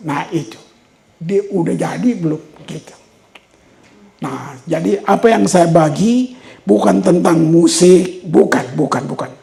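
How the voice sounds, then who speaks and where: Gravelly man preaching in roomy hall. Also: fairly high pitch, takes it slowly, mellow. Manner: storytelling, repeats words for emphasis. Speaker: pastor. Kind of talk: sermon. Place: church hall. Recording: roomy church hall echo.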